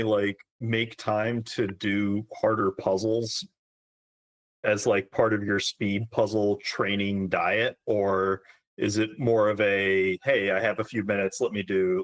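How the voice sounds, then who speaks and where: Curious, low-voiced man asking questions. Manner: curious, hesitant with repeated starts. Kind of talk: casual video call chat.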